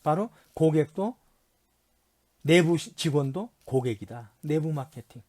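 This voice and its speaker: Speaking a little slowly, this male lecturer has a fairly high, a little mellow voice and an animated delivery. As he reviews course material, he drills key terms by repeating and spelling them out, poses and answers his own questions, and slips English terms into his explanations.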